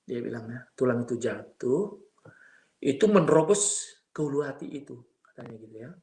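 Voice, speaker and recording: A man's voice: mid-range voice, lively intonation, moderate pace, warm tone, reverberant. A man giving a spoken testimony, telling his story with feeling and often turning to address his listeners. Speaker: testimony speaker.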